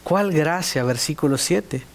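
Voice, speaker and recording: High-voiced man preaching a sermon. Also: animated, a little slow, creaky. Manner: emphatic, rising to high exclamations; speaks directly to the congregation with questions.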